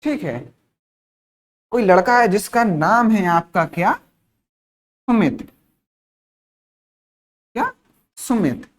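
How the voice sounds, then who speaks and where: A man from India teaching a spoken-English lesson. He asks and answers his own questions, repeats words slowly, and keeps checking in with his students. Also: sits high, lively intonation, a little hiss or hum. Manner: frequent checking-in tag phrases.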